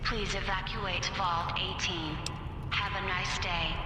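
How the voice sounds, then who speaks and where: A calm, even machine voice of a vault's warning system , voiced by a woman, booming over a public address loudspeaker. It sits a little low and rings out with a long reverb tail. Clear music plays under it. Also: takes it slowly. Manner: calm, even, repeated alarm announcement. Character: automated female vault announcement system.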